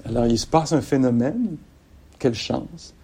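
A man's voice: mid-range voice, expressive, normal speed, breathy edge. A middle-aged man giving a mindfulness dharma talk to an audience, often laughing and losing and finding his thread. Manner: warm-humored, laughs often, loses and finds his thread. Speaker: mindfulness meditation teacher.

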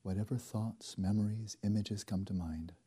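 A man leading a guided meditation as a teacher, speaking slowly and softly with deliberate pauses and a husky edge. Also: fairly low pitch, steady tone. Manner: slow, soft and deliberate, with long pauses.

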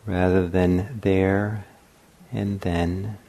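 Short, very gentle phrases separated by long silences mark this man's guided meditation. His deep, mellow voice moves markedly slowly and without hurry, in the manner of a teacher leading a practice, and his pitch barely moves.

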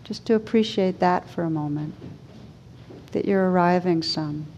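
A woman guides a meditation in short, soothing phrases separated by leisurely pauses. She has a lowish voice, and there's a slight hiss or hum in the recording.

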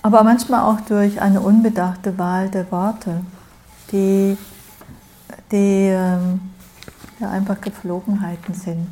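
A woman's voice: medium pitch, level tone, mellow. A woman meditation teacher giving a dharma talk, speaking reflectively and often checking in with "ja?". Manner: slow, reflective, with frequent "ja?".

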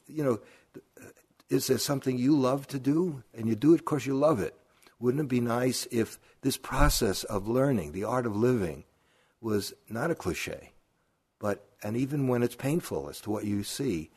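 A man's voice: medium pitch, darkish tone, breathy edge. An older man, a meditation teacher giving a dharma talk at a retreat, telling stories conversationally and asking rhetorical questions.

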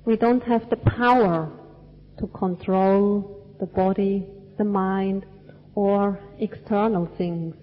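A woman from Switzerland giving a Buddhist dharma talk in a cinema hall, speaking in slow, measured, deliberate phrases. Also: medium pitch, fairly even intonation. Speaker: Buddhist teacher. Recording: dull lo-fi recording with long hall reverb.

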